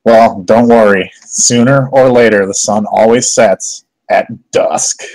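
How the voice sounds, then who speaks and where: Low-voiced guy making dumb puns, dry close sound. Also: fairly even intonation, takes it slowly, darkish tone, no echo, low-quality recording. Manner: wry, punning. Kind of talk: casual podcast chat.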